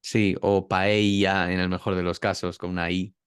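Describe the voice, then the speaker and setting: Guy teaching pronunciation, lowish voice, smooth and clear, dry close sound. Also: little pitch movement, fairly quick, dry recording. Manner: demonstrates sounds by drawing out words. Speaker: pronunciation teacher, interview guest. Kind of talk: explanatory interview talk.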